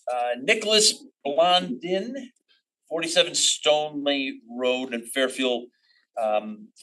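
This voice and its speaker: A man chairing a town commission meeting, reading public comments with many pauses and filler words. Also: mid-range voice, fairly bright tone, low-quality recording. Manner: halting, many ums and restarts.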